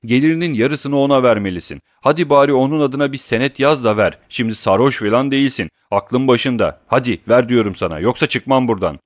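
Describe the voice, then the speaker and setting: A man reading an audiobook, voicing a coarse, bullying male swindler who rants and hurls insults loudly. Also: on the low side, expressive, a little fast, dry recording, studio quality, close to an everyday voice. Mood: ranting. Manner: loud, abusive ranting.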